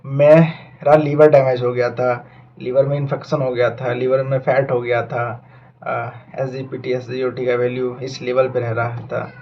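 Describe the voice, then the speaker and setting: Speaking at a measured pace with a flat delivery, this mid-range male voice is muffled in the recording. He's an aspiring doctor and vlogger from India in his twenties, chatting thoughtfully to camera and dropping in English words.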